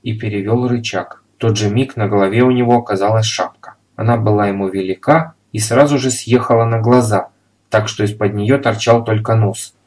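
Expressive male audiobook narrator. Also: fairly low pitch, a little fast. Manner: lively, expressive reading.

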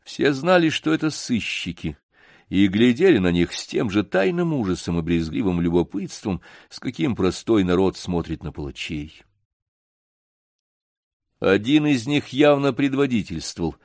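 A man narrating a story in a measured, expressive audiobook reading. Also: lowish voice, dry recording, clean studio sound.

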